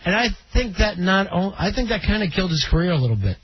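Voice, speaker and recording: Man, high voice, radio host, chatty, opinionated, lo-fi broadcast. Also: very animated, fast talker, a little hiss or hum. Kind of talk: call-in radio talk.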